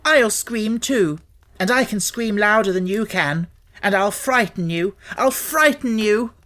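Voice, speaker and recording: A woman voicing a furious, bossy little girl in an audiobook, shouting defiantly. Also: mid-range voice, a little slow, pitched above the performer's own voice, lightly acted. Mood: fierce, scolding.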